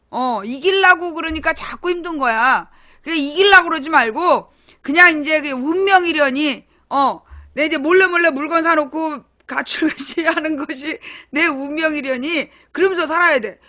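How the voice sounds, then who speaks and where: A middle-aged woman broadcasting to her viewers, chatting casually and telling lively stories about home life, acting out quoted arguments and laughing as she goes. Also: high-pitched. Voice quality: chatty, laughing, animated storytelling. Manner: acts out quoted arguments in a raised voice. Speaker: online broadcaster.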